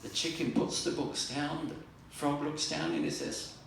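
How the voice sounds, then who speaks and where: An older man doing stand-up comedy at a live fundraiser, telling dry jokes with pauses and fillers. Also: fairly high pitch, steady tone, creaky. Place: library fundraiser event room. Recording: echoey room from far off, noisy.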